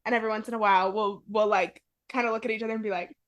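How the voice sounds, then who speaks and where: A woman's voice: mid-range voice, fairly even intonation, rapid-fire. A young woman hosting a podcast, chatting casually with a friend, laughing often and saying "like" a lot. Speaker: podcast host. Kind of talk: casual chat.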